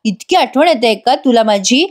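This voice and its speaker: A woman with a fairly high, natural voice speaks at normal speed, animated and teasing, acting as a sassy young wife in an episode recap. In chatty, playful talk she teases her husband and dodges his questions.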